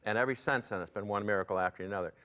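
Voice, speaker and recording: On a television studio set, a guest in his sixties who sits on a ministry board shares his testimony in an interview. He's a fervent, plain-spoken storyteller whose lowish, bright voice comes out very fast and forcefully.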